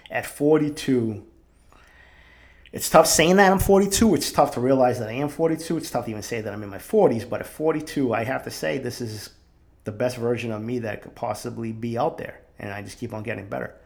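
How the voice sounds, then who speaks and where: A man's voice: mid-range voice, brisk, vocal fry, a little mellow. A man in his forties from Boston, hosting a solo podcast in a candid, reflective and profane way. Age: 40s. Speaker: podcast host.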